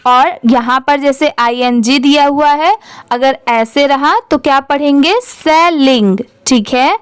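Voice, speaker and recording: A woman leads a reading lesson in a high, clear voice. She spells each word out slowly, letter by letter, then asks how it is read and answers herself. The sound is dry and close. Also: dry recording. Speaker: English reading teacher.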